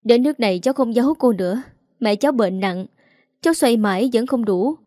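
A woman's voice: on the high side, animated, brisk, warm tone, no echo, studio quality, close to an everyday voice. A woman voicing a young female model who pleads, stammers and sobs. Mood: pleading tearful.

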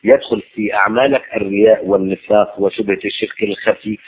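A man with an Egyptian Arabic accent preaching a mosque lesson in lively colloquial style, throwing out rhetorical questions and answering them. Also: fairly low pitch, fast. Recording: tinny lo-fi old tape recording, faint hiss.

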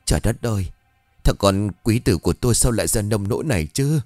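A man's voice: lowish voice, expressive, brisk, darkish tone, no room sound, soft background music, lightly acted. A man doing a whimpering, frightened old father. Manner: whimpering, pleading.

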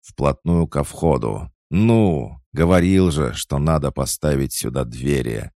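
A cruel bandit boss snarls threats and barks orders to his men, as a male audiobook reader puts him on. The voice stays deep and gravelly, pushed louder and higher than the reader's own. It is dry and close, with no room around it. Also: measured pace, no room sound, full character voice. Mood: barking orders. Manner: menacing and shouting orders.

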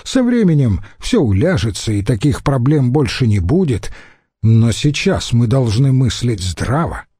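A male audiobook reader voicing a calculating Roman general with a polite, measured manner. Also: mid-range voice, sing-song, dark tone, husky, no room sound, clean studio sound. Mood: persuasive.

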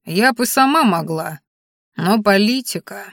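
A woman voicing a blunt, coarse orc chief's daughter with a steady, plain delivery. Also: mid-range voice, unhurried, vocal fry, dry recording, clean studio sound, full character voice.

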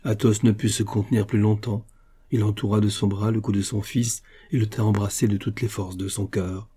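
Guy reading a classic novel aloud, slow and steady, really dark husky tone. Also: fairly low pitch. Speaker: audiobook narrator. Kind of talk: audiobook narration of a classic novel.

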